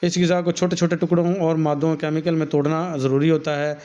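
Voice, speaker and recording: A male teacher with a Pakistani Urdu accent reads from a textbook, then stops to explain each point in his own words. His voice sits a little high. The recording sounds dull and lo-fi. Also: level tone, a little fast. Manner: reads a passage, then explains it warmly to students, calling them "beta".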